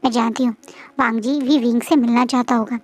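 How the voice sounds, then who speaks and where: A tender mother, soft and consoling, as a woman voices her. The voice sits high. It has the plain feel of a storybook reading. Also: fairly even intonation, fairly quick, no room sound, close to an everyday voice. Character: gentle loving mother, soothing her son.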